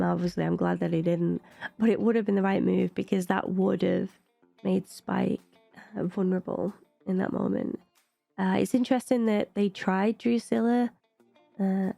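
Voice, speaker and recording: A woman's voice: medium pitch, gravelly, dark tone, dry recording. A British woman hosting a reaction video, chatty and opinionated, often filling her talk with "like". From Britain. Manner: chatty and opinionated, with frequent "like" fillers. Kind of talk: casual reaction commentary.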